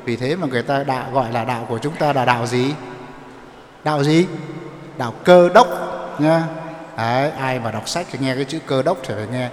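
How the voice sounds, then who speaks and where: Priest preaching in an echoey church. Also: male voice, mid-range voice, fast talker, a little hiss or hum. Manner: explanatory, asks the congregation questions. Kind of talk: sermon. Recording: echoey church with long reverb.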